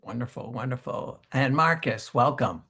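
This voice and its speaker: A male host with a gravelly, fry-edged voice leads an interview by video call. He speaks in a formal, measured way and welcomes each guest politely. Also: mid-range voice, lively intonation, sharp tone.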